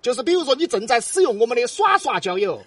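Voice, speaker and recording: A man's voice: extremely high pitch, big pitch swings, fast, recorded from a distance, a crowd in the background. A man with a Sichuan accent co-hosting a show with casual questions and banter, picked up from a little way off. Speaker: prank-show co-host.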